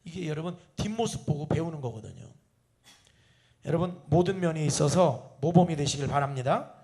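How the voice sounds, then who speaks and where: A man's voice: a little high, animated, moderate pace, vocal fry, darkish tone. A man preaching a sermon at an evening prayer meeting. He addresses the congregation with rhetorical questions and acts out family dialogues in different voices. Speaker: pastor.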